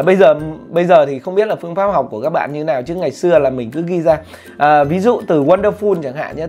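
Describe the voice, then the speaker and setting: A man's voice: on the high side, a little mellow. A man giving casual tips on learning English, rambling with many fillers and self-corrections, and saying he is not a teacher. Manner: says plainly he is not a teacher. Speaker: vlogger sharing study tips. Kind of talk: casual spoken tutorial. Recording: light background music.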